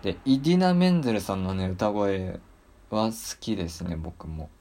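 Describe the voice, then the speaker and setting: Guy hosting a chill talk show, kinda low voice, lots of umms, polite. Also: animated, normal speed, mellow. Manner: polite, hesitant with many fillers. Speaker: podcast host. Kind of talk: casual radio talk.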